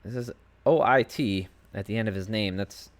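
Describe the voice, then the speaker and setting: A man with a fairly low voice, speaking at normal speed, hosts a solo podcast from a home desk setup. He gives casual, rambling commentary on fight results, full of fillers and asides.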